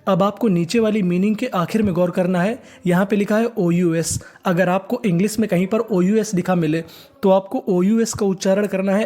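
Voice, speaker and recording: A male teacher gives a reading lesson in Hindi, spelling out words letter by letter and then drawing each one out slowly. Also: sits high, warm tone.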